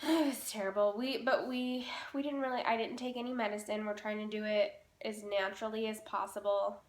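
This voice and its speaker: A woman's voice: mid-range voice, fairly even intonation, fairly quick. Chatty woman in her twenties. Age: 20s. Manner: chatty, teasing. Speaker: vlogger. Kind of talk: casual home vlog chat. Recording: echoey room.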